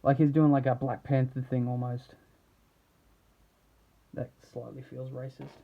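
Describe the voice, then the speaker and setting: A man giving a casual, unscripted product showcase as an action figure reviewer, rambling haltingly and trailing off mid-thought. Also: mid-range voice, flat delivery, creaky, narrow, tinny audio.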